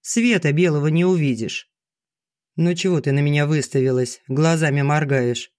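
A man reading an audiobook, voicing a grumbling, sharp-tongued middle-aged village woman who teases her friend. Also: a little high, normal speed, no room sound, studio quality, close to an everyday voice. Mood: scoffing. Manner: gruff and teasing. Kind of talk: audiobook dialogue.

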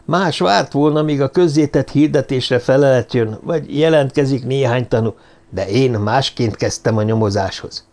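A man's voice: medium pitch, darkish tone, lightly acted. A man voicing a boastful, jovial male police inspector in an audiobook reading, telling his story with eager self-satisfaction.

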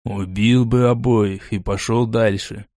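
A man voicing a calm, cunning male envoy who speaks in a low, quiet, insinuating, mentor-like tone. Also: normal speed, no room sound, studio quality, natural voice.

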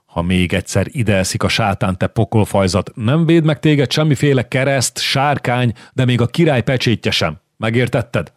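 A man voicing a fierce, scolding old grandmother in an audiobook, shouting threats. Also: mid-range voice, few pauses, dry recording, clean studio sound, pitched above the performer's own voice, close to an everyday voice. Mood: threatening. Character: fierce old grandmother, burly furious matron. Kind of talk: audiobook character reading.

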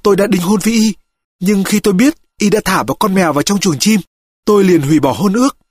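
A man's voice: sits high, fast talker, darkish tone, husky, no echo, clean studio sound, pitched above the performer's own voice. A man reading an audiobook, voicing a bitter, fierce older mother in a raised, indignant voice.

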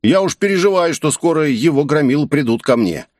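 A man voicing an excitable young man who talks in slangy bursts and thinks he is a gangster. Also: a little high, a little fast, no echo, studio quality, voice pushed up, lightly acted. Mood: worried. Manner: excited, rambling street slang.

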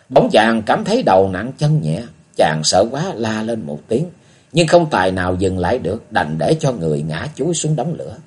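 A man narrating a martial arts novel as an expressive audiobook reader. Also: lowish voice, husky. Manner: expressive storytelling, acting out characters. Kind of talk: scripted narration.

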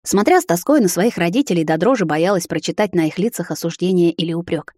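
Low, soft-voiced woman narrating. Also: fast talker, no room sound, studio quality. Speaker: audiobook reader. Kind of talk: scripted first-person narration.

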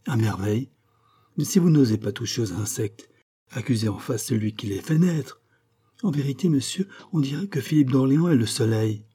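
An indignant queen with a cutting tongue, proud and bitter, as a male reader puts her on in an audiobook. Her voice is dark and husky, lifted a little above his own. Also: mid-range voice, expressive, moderate pace. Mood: scornful. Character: proud, bitter queen, middle-aged woman.

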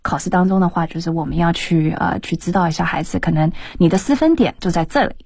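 A woman's voice: fairly low pitch, quick pace, creaky, a little mellow, slightly rough, no echo, studio quality. A woman who works as an exam examiner and teacher, explaining test tips as a guest on a radio talk show, with many hesitant fillers.

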